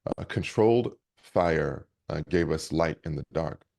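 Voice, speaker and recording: A man's voice: rumbling low, measured pace, creaky, darkish tone. A man who is a leadership coach and speaker, telling stories energetically in an interview with many restarts. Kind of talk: conversational interview storytelling.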